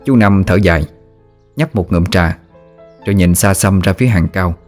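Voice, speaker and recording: A man narrating a ghost story in a calm, measured way. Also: low voice, faint music behind.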